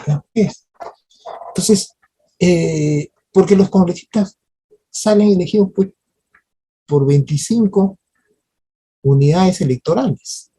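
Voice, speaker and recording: Slow, with long pauses, this lecturer's mid-range voice is dark and breathy, and the recording is rough. Teaching at a parliamentary training workshop, they pose tag questions directly to listeners and often restart phrases, repeating words along the way.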